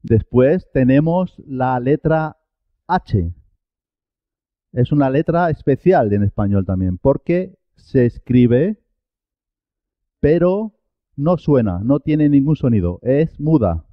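A man gives a Spanish pronunciation lesson at a very slow pace, spelling out sounds and repeating every example word with deliberate care. His voice sits at a middle pitch. The recording is dry and a little dull, like a lo-fi home setup. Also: expressive, dry recording. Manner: slow, repeats example words with careful articulation. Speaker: Spanish teacher.

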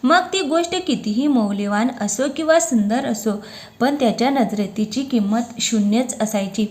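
A woman with a fairly high, light voice reading a romantic story aloud. She narrates in an expressive storyteller's manner, shifting easily into dialogue. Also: moderate pace.

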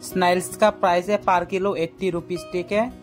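High-voiced young man vlogging a market. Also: fairly even intonation, normal speed, soft background music. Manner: chatty, addresses viewers as guys, asks prices. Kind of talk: casual market vlog narration. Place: outdoor market.

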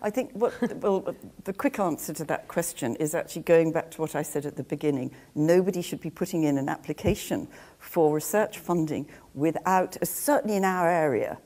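Older woman panelist, dark mellow tone, hesitant delivery full of restarts. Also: deep voice, fairly quick, hardly any pauses. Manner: hesitant, many restarts, gesturing. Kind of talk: panel discussion. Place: large room with a seated audience.

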